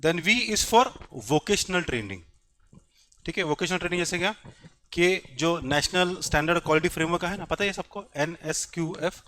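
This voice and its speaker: A man's voice: a little high, sharp tone. A man giving a classroom lecture as a coaching teacher, mixing Hindi and English, quizzing the class and repeating key points. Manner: switches between Hindi and English mid-sentence.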